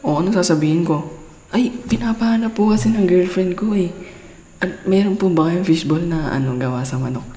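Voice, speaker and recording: This intimate ASMR roleplay features a Filipino-accented woman with a fairly low, dark voice speaking fairly quickly. Playing an exasperated but loving girlfriend, she mixes playful scolding with soft coaxing and slips into English. The echoey room adds long reverb over faint background noise.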